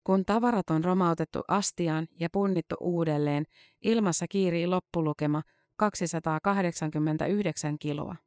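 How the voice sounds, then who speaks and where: Low-voiced woman narrating a news feature. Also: a little mellow, no room sound, studio quality. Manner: measured, matter-of-fact storytelling.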